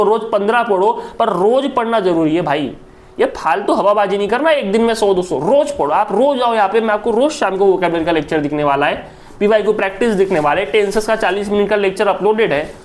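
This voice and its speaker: In a lively online exam-prep lecture, a high-voiced, Indian-accented man chats his way through English vocabulary. He says words aloud repeatedly and addresses listeners as brother.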